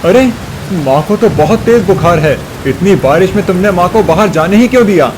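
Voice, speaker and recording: A man's voice: high-pitched, expressive, fairly quick, noisy background. A man voicing a grown son and husband in a storybook tale who is devoted to his mother and speaks firmly. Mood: stern. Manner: firm and demanding.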